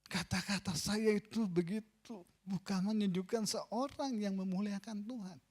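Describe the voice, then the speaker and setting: A man with an Indonesian accent preaching a sermon as pastor in a church, swinging between loud, mocking asides and quiet, confessional lines. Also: high voice, steady tone, moderate pace. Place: church sanctuary. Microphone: pulpit microphone.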